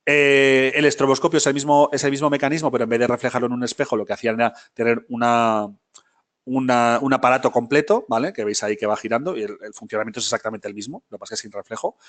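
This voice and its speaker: A man's voice: mid-range voice, quick pace, fairly bright tone. A man teaching a film history class live, talking casually, often checking in with his students and correcting himself as he goes. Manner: many fillers and self-corrections.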